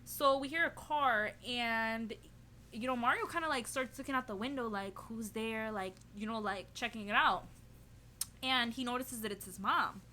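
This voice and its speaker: A woman's voice: on the high side, moderate pace, a little hiss or hum. A young woman casually telling a story to the camera as a vlogger, filling it with "like" and "you know" and laughing as she goes. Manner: chatty, heavy on "like" and "you know"; giggly, animated retelling.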